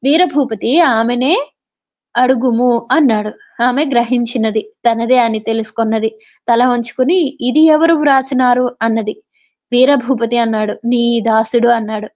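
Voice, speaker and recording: A woman's voice: fairly high pitch, measured pace, darkish tone. A woman reading an old literary novel aloud as a storyteller, stopping now and then to explain in plain talk. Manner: reads old literary prose, adds casual explanations. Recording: dull lo-fi audio.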